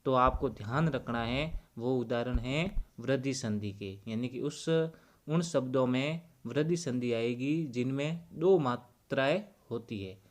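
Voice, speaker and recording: Male teacher explaining grammar at a measured, slow pace, deliberate and repetitive. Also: medium pitch. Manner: slow and deliberate, repeating key points.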